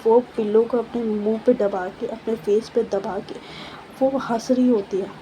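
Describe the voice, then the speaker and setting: A woman's voice: on the high side, steady tone, unhurried, dark tone, a little hiss or hum, low-quality recording. A woman casually narrating a love story, chatty and repetitive, mixing in English words and fillers.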